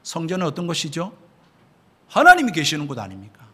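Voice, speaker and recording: A man's voice: fairly high pitch, huge pitch swings, brisk, a bit bright, husky. A man preaching a sermon as pastor, emphatic, often addressing the congregation directly and asking rhetorical questions. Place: church sanctuary.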